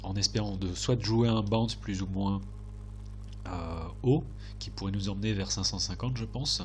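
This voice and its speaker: Low-voiced man with a stuffy, blocked nose. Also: normal speed, darkish tone, a little hiss or hum. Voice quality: nasal, stuffy. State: congested blocked nose and sore throat. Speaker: host of a crypto chart analysis video. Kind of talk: casual technical commentary over charts.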